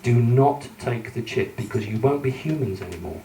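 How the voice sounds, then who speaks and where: A man's voice: medium pitch, animated, moderate pace, dark tone, faint music behind. A man giving a conference lecture from slides, earnest and hesitant with many fillers. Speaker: conference speaker. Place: conference hall. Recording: echoey hall, mic at a distance.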